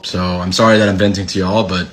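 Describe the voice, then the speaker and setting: A man's voice: low voice, little pitch movement, fast, slight background noise. A man, a shop owner, venting in frustration after being assaulted, swearing and restarting his sentences. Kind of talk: angry venting to camera.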